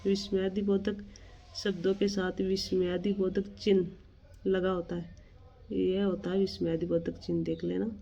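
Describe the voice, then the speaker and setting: A woman's voice: mid-range voice, flat delivery, unhurried, vocal fry, dark tone. A woman teaching an exam-prep grammar lesson, reading out definitions and examples and explaining them plainly. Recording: dull lo-fi recording with faint ambience.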